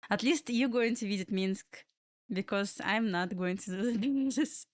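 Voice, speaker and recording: A young adult Belarusian woman with a Russian accent speaks in an unhurried, mid-range voice while hosting a live trading stream from her Florida home. Her talk is loose and chatty, wandering between viewer questions and the markets. The recording has studio quality and no echo.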